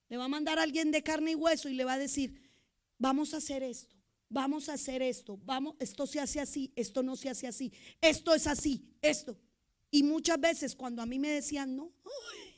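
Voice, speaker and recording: A middle-aged woman pastor, preaching a sermon with emotion, moving between loud outbursts and soft asides. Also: sits high, animated, moderate pace.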